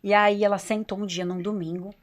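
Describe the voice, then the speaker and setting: A Brazilian woman speaks as a podcast guest, a doctor from a nutrition clinic telling her own story. Her voice sits at an ordinary middle pitch. She talks in an earnest, confiding way, leaning on little tag questions and repeating phrases. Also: flat delivery, fairly quick. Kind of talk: podcast interview, personal story.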